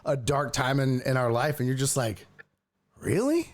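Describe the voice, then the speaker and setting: A man's voice: big pitch swings, normal speed. A man hosting a sports talk show, chatting casually and joking playfully with his guest. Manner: joking, playful, swings into high disbelieving tones. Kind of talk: casual interview chat.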